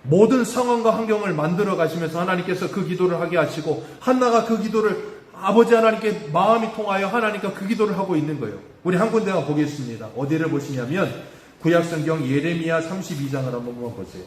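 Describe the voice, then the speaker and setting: High-voiced male pastor preaching in an echoey room. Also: quick pace. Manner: animated preaching, acting out quoted voices with rising pitch. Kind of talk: sermon. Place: church sanctuary.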